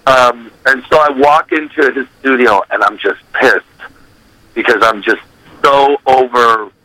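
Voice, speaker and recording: Animated man with a very bright voice. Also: mid-range voice, a little slow, no echo, low-quality recording. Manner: animated, acts out quotes and scats melodies; swears casually. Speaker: recording artist. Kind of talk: casual storytelling in an interview.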